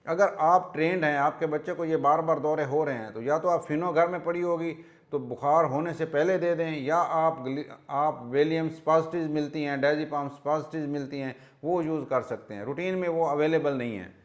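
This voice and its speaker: A man, a pediatrician giving a calm, measured health talk and listing points one by one. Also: a little high, lo-fi sound.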